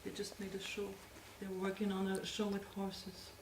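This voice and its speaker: A woman's voice: medium pitch, completely flat delivery, moderate pace, over a noisy crowd. A woman speaking informally, adding short remarks to a group presentation, recorded from a distance in a room. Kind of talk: informal spoken interjections. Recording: far from mic, echoey noisy room.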